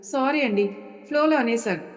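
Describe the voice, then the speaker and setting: A woman's voice: high voice, moderate pace, pitched above the performer's own voice, natural voice. A woman voicing a timid, polite young wife. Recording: reverberant room.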